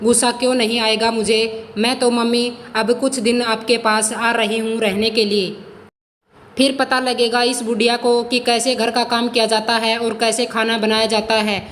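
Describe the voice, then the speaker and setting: A woman's voice: fairly high pitch, little pitch movement, moderate pace, fairly bright tone, big-room sound, a little hiss or hum, natural voice. Field: a woman voicing a quarrelsome young married daughter. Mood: complaining. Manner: complaining, indignant. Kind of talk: storybook role reading.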